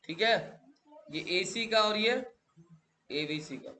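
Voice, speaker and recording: A man's voice: high voice, slow pace, bright, forceful tone. A male teacher lecturing a class, drilling students with repeated questions and calling them beta.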